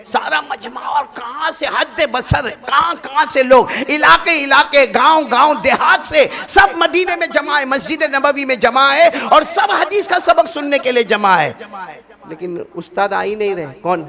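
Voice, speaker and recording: High gravelly impassioned male preacher. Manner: impassioned, building to shouted peaks; repetitive rhythmic emphasis. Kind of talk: storytelling sermon.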